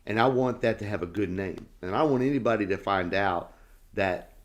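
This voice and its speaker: A man's voice: fairly low pitch, brisk. A man who is a senior pastor, talking earnestly and casually in a devotional chat. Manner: earnest, lesson-drawing talk.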